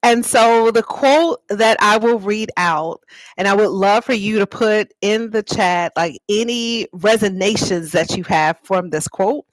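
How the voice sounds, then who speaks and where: A woman hosting a live read-aloud as its author talks informally to her viewers, explaining things and inviting them to respond. Her medium-pitched voice is unhurried, and the audio is poor, with no room sound.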